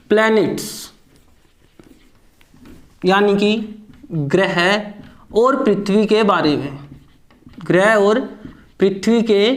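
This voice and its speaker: A woman's voice: fairly high pitch, echoey room. A woman teaching an online lesson, who asks questions and answers them herself and repeats key points. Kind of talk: online lecture.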